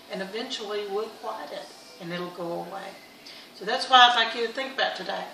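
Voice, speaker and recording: A woman's voice: medium pitch, distant mic, noisy background. A middle-aged woman vlogging, telling stories and giving earnest motivational talk in a chatty way. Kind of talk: casual motivational vlog. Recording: echoey room, a bit off-mic.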